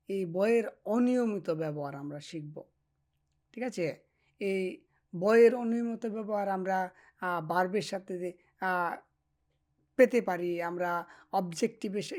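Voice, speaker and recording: A woman teaching a grammar lesson, patiently repeating each form and checking that her students follow. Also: mid-range voice. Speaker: language teacher.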